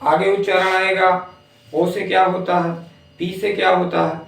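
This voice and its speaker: Man, phonics teacher, spells words letter by letter, gravelly, far from the mic. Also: sits high, little pitch movement, unhurried, fairly bright tone. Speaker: English teacher. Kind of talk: phonics lesson. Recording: echoey room, distant mic.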